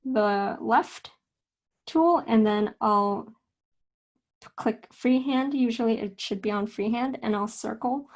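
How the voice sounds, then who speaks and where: A young woman teaching a casual drawing lesson, talking in a relaxed, chatty way with fillers and self-corrections. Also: a little high, slow. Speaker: art instructor.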